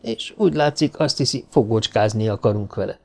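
A man voicing an excitable, hot-headed male astronaut who shouts and grumbles in an audiobook. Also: fairly low pitch, vocal fry. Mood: exasperated.

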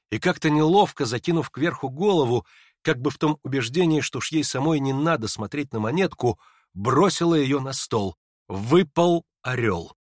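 A man giving a measured, expressive literary audiobook narration. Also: medium pitch, no room sound, studio quality.

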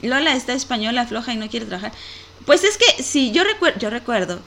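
A woman's voice: a little high, expressive, fairly quick, sharp tone, a little hiss or hum. A young woman hosting a casual online show, chatting and giggling to her viewers with a lot of "este" filler. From Mexico. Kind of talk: casual live-stream chat.

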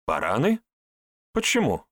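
A man voicing a nervous, evasive male herbalist who is secretly a disguised priest, speaking in hurried, flustered replies. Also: medium pitch, big pitch swings, fairly bright tone, no echo, clean studio sound, voice pushed up.

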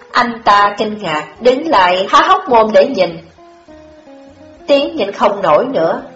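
A woman narrating an audiobook in a measured, expressive storytelling style. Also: a little high. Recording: dull lo-fi audio, echoey room, faint music.

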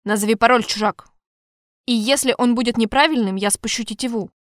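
A woman's voice: a little high, steady tone, takes it slowly, clean tone, no room sound, studio quality. A woman voicing a possessed young female elf whose voice swings between wailing, drunken slurring and cold threats. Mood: cold menace.

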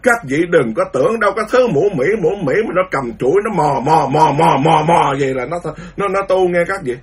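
A man's voice: a little high, lively intonation, quick pace, breathy edge, far from the mic. A man lecturing as a Buddhist monk, ranting indignantly with lots of repetition. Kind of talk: impassioned Dharma lecture.

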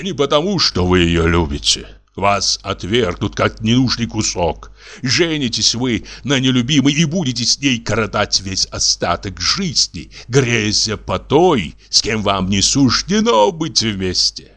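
A man reading an audiobook passage in a slow, theatrical, prophetic manner. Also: fairly low pitch, a bit bright.

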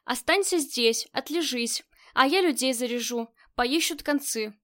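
A woman voicing a gruff, short-tempered male crime boss in an audiobook, swearing and barking orders. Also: high-pitched, a little slow, fairly bright tone. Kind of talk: audiobook character reading.

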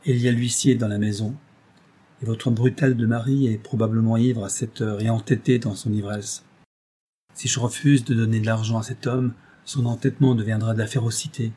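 Man reading a proud cornered noblewoman, commanding, scornful, husky tone, audiobook. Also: medium pitch, steady tone, normal speed, warm tone, close to an everyday voice. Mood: brooding. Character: desperate proud noblewoman, imperious and bitter.

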